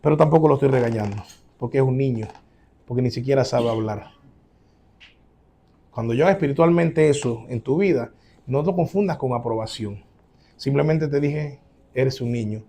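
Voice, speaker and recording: A man preaching as a pastor, emphatic, acting out quoted voices with sudden loud rises, then closing in prayer. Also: medium pitch, moderate pace, gravelly, long pauses, a little hiss or hum. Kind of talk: sermon.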